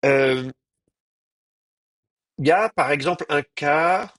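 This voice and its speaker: A man teaching an online class, explaining slowly and thinking aloud, with frequent pauses and restarts. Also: fairly high pitch, fairly bright tone, no room sound. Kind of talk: live online class lecture.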